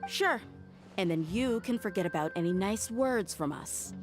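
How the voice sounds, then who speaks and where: A woman's voice: mid-range voice, expressive, normal speed, over music, natural voice. An actress playing a tough, blunt mercenary woman in a video game, speaking in a curt, commanding, dry manner. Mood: stern, threatening. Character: tough, blunt female mercenary, cool and threatening. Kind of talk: scripted video game dialogue.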